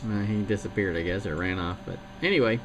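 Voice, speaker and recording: Over a noisy radio transmission, a man with a lowish voice talks fast on his CB radio at a home station. He's casual and rambles a little.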